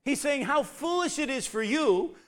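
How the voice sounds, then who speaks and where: A man's voice: extremely high pitch, animated, normal speed, a bit bright. A male pastor preaching a sermon in a conversational tone and reading scripture aloud.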